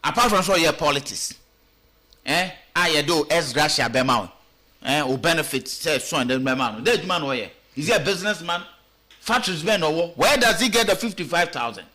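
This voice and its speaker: A man's voice: fairly high pitch, expressive, fairly quick, bright, forceful tone. A man with a Ghanaian accent giving radio talk show commentary, firing off rhetorical questions and switching between English and Twi. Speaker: political commentator.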